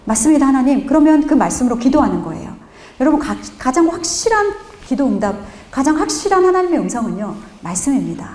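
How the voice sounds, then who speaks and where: A middle-aged woman, a pastor's wife, giving a church parenting lecture and acting out family stories with lively quoted voices. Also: sits high, fast talker, echoey room. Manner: animated, acts out her child's and her own quoted lines. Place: church hall.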